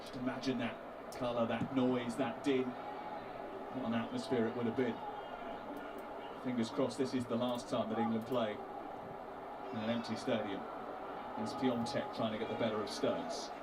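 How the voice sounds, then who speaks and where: A man doing live play-by-play football commentary on TV, calmly naming players as the play moves. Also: mid-range voice, normal speed, pauses often. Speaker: TV match commentator. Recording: distant broadcast audio with loud noise.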